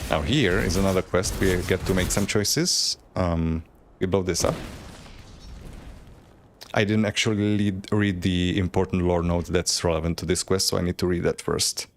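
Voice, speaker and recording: Guy streaming a game, reads the lore out flat and plain, deep gravelly voice. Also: moderate pace, slight background noise. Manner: plain unacted reading with asides. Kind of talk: reading lore aloud while playing.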